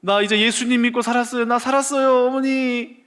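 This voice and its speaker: A man's voice: sits high, normal speed, a bit bright, pitched above the performer's own voice. A man acting out a desperate young man who pleads fervently to be saved. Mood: overjoyed.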